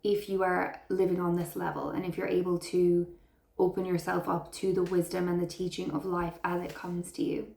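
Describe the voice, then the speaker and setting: A woman's voice: fairly low pitch, completely flat delivery, normal speed, creaky, darkish tone, echoey room. A woman giving an intuitive tarot reading to her viewers, speaking in an earnest, affirming way and heaping praise on them. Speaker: tarot reader.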